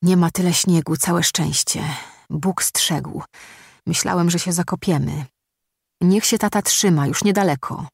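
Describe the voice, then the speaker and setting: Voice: medium pitch, a little slow, creaky, breathy edge, dry recording, studio quality. The narrator voicing a desperate middle-aged man pushing his way past soldiers to get his father-in-law to a hospital, with urgent, defiant speech. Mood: pleading.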